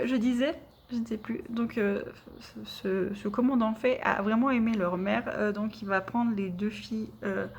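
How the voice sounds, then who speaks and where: A woman's voice: mid-range voice, a little mellow. A young woman talks casually to her camera at home, enthusiastic and a little scattered. She rambles along with plenty of fillers and restarts, gushing about what she loves. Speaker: book vlogger. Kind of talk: casual chat.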